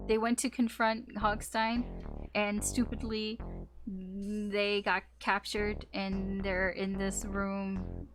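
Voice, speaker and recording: A woman streaming a game, chatting casually, laughing often, and retelling scenes in silly mock voices. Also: mid-range voice. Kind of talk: casual let's-play commentary. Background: game music.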